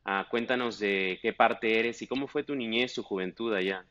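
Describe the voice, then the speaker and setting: A man's voice: fairly low pitch, moderate pace, fairly bright tone, dull audio. Spanish-speaking podcast host, man. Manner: friendly questioning, with filler affirmations. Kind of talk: podcast interview and ad read.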